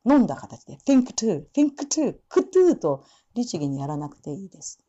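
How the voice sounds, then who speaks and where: A woman teaching English pronunciation, repeating phrases slowly and pausing on fillers as she demonstrates sounds. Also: low-pitched, huge pitch swings, warm tone, breathy edge, lo-fi sound. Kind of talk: spoken lesson with demonstrations.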